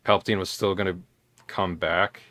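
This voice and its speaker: Low-voiced guy hosting a podcast, rambly and full of uhs, dry close mic. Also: flat delivery, normal speed, bright, forceful tone, no room sound. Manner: rambling, tangent-prone, hesitant. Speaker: podcast host. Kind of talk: casual podcast recap chat.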